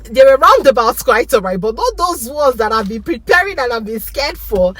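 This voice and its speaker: A woman, vlogging a lively personal story in an excitable, animated way and laughing often. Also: a little high, moderate pace. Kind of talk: casual storytelling vlog.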